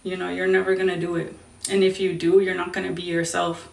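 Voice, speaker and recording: A woman's voice: fairly low pitch, little pitch movement, a little fast, gravelly, darkish tone, distant mic. A young woman from the Midwest chatting live with viewers, switching between English and Spanish mid-sentence. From Indiana, US Midwest. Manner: chatty, answers viewer questions. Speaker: TikTok live streamer. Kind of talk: casual live-stream chat. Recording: roomy sound from off-mic.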